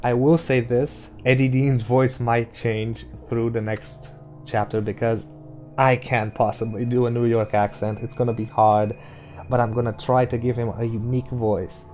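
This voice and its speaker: A man reading a novel aloud as a hobby audiobook, in a steady narration that slows for dramatic lines, then chatting to listeners. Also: medium pitch, soft background music. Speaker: audiobook reader.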